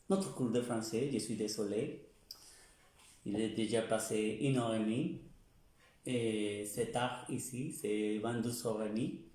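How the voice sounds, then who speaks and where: A man giving a slow language lesson, repeating words over and over and stopping to look things up in a dictionary. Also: medium pitch, warm tone. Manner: repeats words slowly, pauses and searches a dictionary. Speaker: French teacher. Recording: echoey room, far from the mic.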